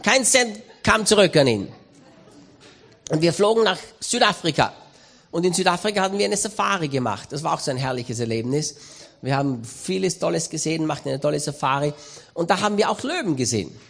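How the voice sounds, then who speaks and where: A man, a missionary preacher giving a lively sermon with stories and raised emphasis. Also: on the high side, brisk, gravelly. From Austria. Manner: animated, storytelling, raising voice for emphasis.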